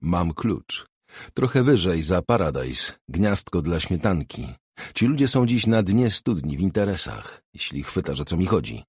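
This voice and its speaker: A man reading the part of a restless, streetwise young woman who talks in a teasing, probing way, with a husky low voice. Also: big pitch swings, a little slow, darkish tone, no room sound, studio quality, full character voice.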